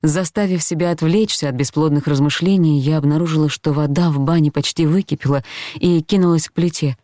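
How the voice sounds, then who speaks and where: A woman narrating a first-person novel in a measured, reflective reading voice, close to the mic. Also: sits low, steady tone, dark tone, no echo. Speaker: audiobook narrator.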